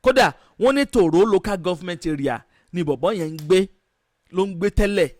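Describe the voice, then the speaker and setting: A Nigerian-accented man delivers opinionated news commentary at a rapid clip. His pitch runs high and the sound is close and dry. He drops English phrases into his speech and questions indignantly. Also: expressive, no echo. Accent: Nigerian Yoruba-language accent. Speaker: online news presenter.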